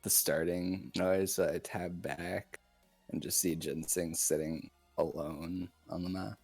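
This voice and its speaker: A very deep-voiced man breaking down an esports match as co-commentator, relaxed and analytical. His voice is gravelly, with faint music playing under it. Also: slow pace. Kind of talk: live game commentary and analysis.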